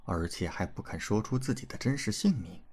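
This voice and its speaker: A man voicing a fierce young swordswoman who sneers and makes threats in a curt, scornful way, in a low, husky voice. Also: very animated, moderate pace, darkish tone, heavily acted. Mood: curious.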